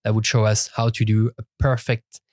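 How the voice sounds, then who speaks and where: A man co-hosting a podcast in casual chat, speaking haltingly with many fillers and restarts. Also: on the low side, little pitch movement, a little mellow, no echo, clean studio sound. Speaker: podcast co-host. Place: dry studio.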